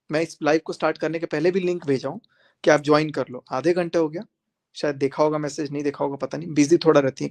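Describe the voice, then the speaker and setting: A man's voice: on the high side, creaky. Confrontational man ranting on a live stream. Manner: confrontational, repetitive, addressing viewers directly. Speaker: livestreamer.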